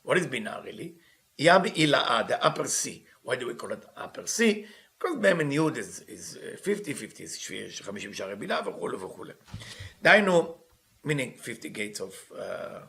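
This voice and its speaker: Lively man teaching, English. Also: medium pitch, vocal fry. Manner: reads Hebrew quickly then explains in English; asks and answers his own questions. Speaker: Kabbalah teacher. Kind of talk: teaching a text.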